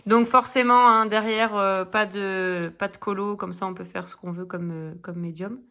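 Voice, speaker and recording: A woman's voice: mid-range voice, steady tone, moderate pace, sharp tone. A middle-aged woman chatting casually in a coloring vlog, rambling with many fillers and restarts. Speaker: coloring vlogger. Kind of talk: casual chat.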